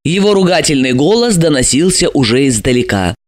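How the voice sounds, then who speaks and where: Woman narrator, expressive storytelling, animated delivery, dry studio. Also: low-pitched, a little fast, no echo. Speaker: audiobook narrator. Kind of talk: scripted narration.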